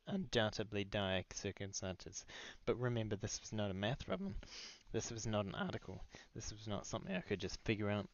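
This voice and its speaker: A young man giving a grandiose, mock-solemn comic monologue with deadpan earnestness and sudden loud outbursts. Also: fairly low pitch. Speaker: comedic monologue performer. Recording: dull lo-fi recording.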